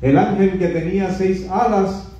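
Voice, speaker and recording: A man preaches a Bible study sermon with emphatic delivery and a mellow, dark tone. He is heard from away from the microphone. The room echoes strongly and the sound is dull. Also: high voice, fairly even intonation, measured pace, distant mic. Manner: emphatic, dramatizes scripture quotes. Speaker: pastor teaching a Bible study.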